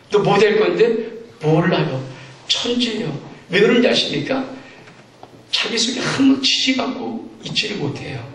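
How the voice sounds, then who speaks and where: A pastor preaches in a high, lively voice that swings up and down. He acts out the scenes he describes. The sound is heavily echoey and comes from a mic some way off in a church hall. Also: distant mic, a little hiss or hum. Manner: animated preaching, acts out parents and children. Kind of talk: sermon. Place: church sanctuary.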